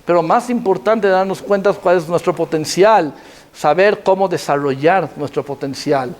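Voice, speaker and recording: A man's voice: high voice, normal speed. A man, a rabbi delivering a Torah sermon with emphatic, repeated phrases.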